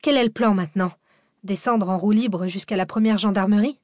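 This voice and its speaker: A woman reading an audiobook, voicing a sharp-tongued, sarcastic young woman researcher. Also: medium pitch, fairly quick, no room sound, clean studio sound, close to an everyday voice. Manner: sarcastic, biting. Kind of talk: audiobook character voice.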